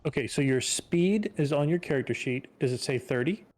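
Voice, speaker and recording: A man running a tabletop game as dungeon master, loose and profane, with quick bursts of excitement. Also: a little high.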